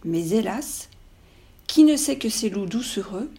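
A woman reading a classic fairy tale aloud in a clear, measured, expressive way. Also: medium pitch. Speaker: storyteller.

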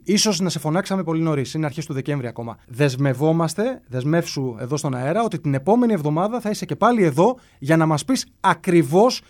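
A man hosting a comic radio bit in a mock-serious, deadpan way, piling up long repetitive lists. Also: fairly high pitch. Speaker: radio show host.

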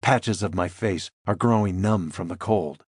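A man reading a first-person thriller as an audiobook, in a tense, measured way. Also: low-pitched, slightly rough, dry recording, studio quality. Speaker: audiobook narrator.

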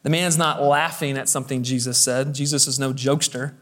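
A man's voice: medium pitch, steady tone, brisk, fairly bright tone. A man pastor delivering a sermon with emphatic preaching, his voice swelling and dropping for effect, with the occasional hesitant filler.

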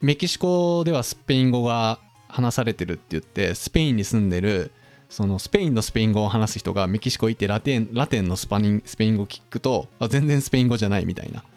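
A man's voice: on the low side, fast, faint music behind. A man hosting a casual podcast, explaining topics to his co-host in a chatty, quizzing manner. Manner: lively, quizzes his co-host, drops into playful impressions.

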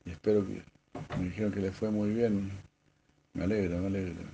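A man, a spiritual teacher preaching a sermon, moving from soft asides to emphatic stressed words and clearing his throat often. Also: low-pitched, steady tone, brisk, lo-fi sound, background noise.

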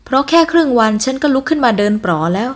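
A woman voicing a blunt young shop manager with a husky voice. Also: on the high side, expressive, fairly quick. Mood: gleeful. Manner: serious, blunt.

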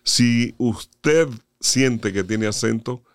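A middle-aged man from Venezuela, a guest producer telling stories in an interview in an animated way, often restarting his sentences. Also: mid-range voice, very slow, smooth, dry recording. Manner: animated storyteller, frequent restarts. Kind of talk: conversational interview storytelling.

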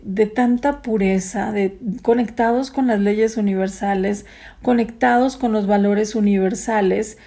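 A woman speaks gently and thoughtfully as a parenting coach, addressing the listener directly. Her voice sits a little high for a woman but sounds soft and warm rather than bright. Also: vocal fry. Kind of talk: advice talk to parents.

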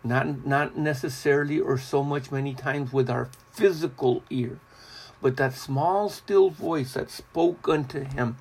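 Slow, husky-voiced male preacher. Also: medium pitch, darkish tone. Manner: slow, deliberate, repetitive preaching cadence. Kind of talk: devotional sermon.

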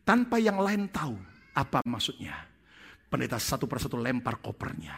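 A man's voice: medium pitch, moderate pace, vocal fry, breathy edge. A male preacher telling a comic story during a sermon and speaking directly to the congregation. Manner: lively storytelling that addresses the congregation. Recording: long reverb of a large hall.

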